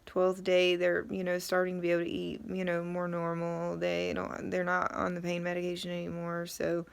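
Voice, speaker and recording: Low, flat-toned woman, sore after tonsil surgery. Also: normal speed, gravelly, clear, resonant tone. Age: middle-aged. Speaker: vlogger. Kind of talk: casual talk to camera about recovery.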